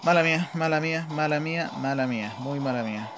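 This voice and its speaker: A fast-talking gaming host with a slightly high voice and a Chilean Spanish accent rattles off informal, casual commentary, thinking aloud as he plays. Game music and a noisy background surround his voice.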